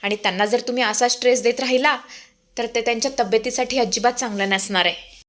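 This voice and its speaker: A calm male family doctor settling a worried household and giving instructions, read by a woman narrator. The voice is slightly high. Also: fast talker, natural voice. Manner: calming and instructive.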